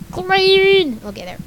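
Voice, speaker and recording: A young woman gaming YouTuber with an extremely high, fairly bright and slightly scratchy voice gives casual, giggly commentary over gameplay. Chatty throughout, she reads the game chat aloud and reacts to what's on screen.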